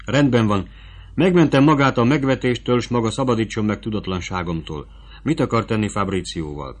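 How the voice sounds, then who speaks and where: A cunning, world-weary count, voiced by a male reader, dry and measured in his replies. His tone is fairly low and unhurried. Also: close to an everyday voice. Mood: wry.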